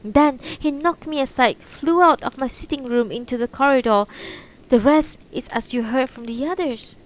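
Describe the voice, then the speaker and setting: A woman's voice: sits high, moderate pace, pitched above the performer's own voice, close to an everyday voice, low-quality recording. A woman voicing a shaken, earnest young lady giving testimony in a storybook reading. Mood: agitated. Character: shaken, discreet young Japanese lady recounting an intruder. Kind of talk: audiobook-style character reading. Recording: noticeable background noise.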